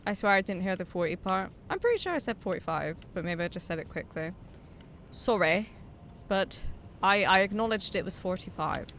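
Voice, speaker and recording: A woman's voice: mid-range voice, expressive, normal speed, fairly bright tone, a little hiss or hum. A young woman streaming a game, chatting casually with viewers, laughing often, swearing and reading out their messages. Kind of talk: casual live-stream chat while gaming.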